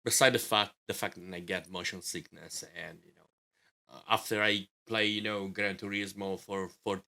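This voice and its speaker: A man co-hosting a game dev live stream, chatting eagerly and haltingly, repeating words as he starts his sentences. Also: deep voice, flat delivery, vocal fry, sharp tone. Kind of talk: casual chat on a live stream.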